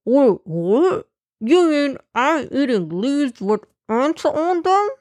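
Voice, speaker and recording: Woman doing a young male giraffe, hot-tempered, indignant, slow, close dry sound, children's story. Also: mid-range voice, expressive, dry recording, lightly acted. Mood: shocked.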